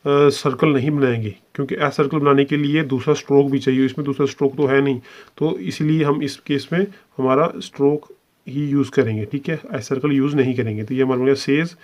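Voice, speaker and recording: A man's voice: medium pitch, a little mellow. Man patiently explaining a lesson. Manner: explains step by step, repeats "ठीक है" often; Hindi mixed with English terms. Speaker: shorthand teacher. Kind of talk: online lesson.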